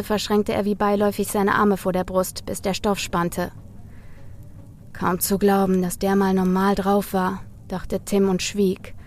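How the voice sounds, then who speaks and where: A woman reading a story aloud in a measured, even manner. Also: mid-range voice, a little hiss or hum. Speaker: narrator. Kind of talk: audiobook narration.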